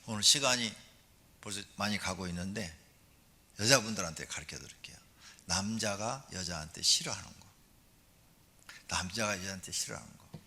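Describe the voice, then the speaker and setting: A man preaching a sermon as a pastor, animated, acting out scenes with voices and leading the congregation in call-and-response. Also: moderate pace. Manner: animated preaching, acts out a nagging wife in a high voice. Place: large church hall. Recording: church hall with long reverb.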